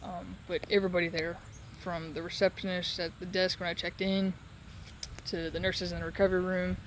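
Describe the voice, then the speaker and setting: A man talking casually and haltingly in a solo update while recovering from surgery with a sore throat. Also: high voice, little pitch movement, a little hiss or hum. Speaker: patient giving a recovery update.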